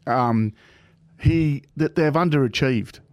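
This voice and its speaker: A man's voice: mid-range voice, slow pace, a little mellow, no room sound. A man with an Australian accent chatting casually as a panellist on a sports show. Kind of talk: casual chat.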